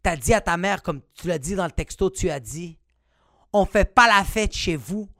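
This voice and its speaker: A man voicing his teasing 98-year-old grandmother, who speaks low, quiet and unhurried. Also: lively intonation, no echo, clean studio sound, heavily acted.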